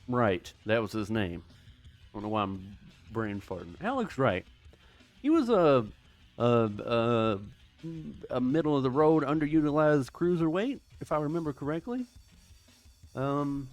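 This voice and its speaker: American dude rambling, sarcastic, voice bouncing all over the place, bit of music low behind him. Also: male voice. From United States. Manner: rambling, sarcastic, self-deprecating. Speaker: YouTube host. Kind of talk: casual commentary.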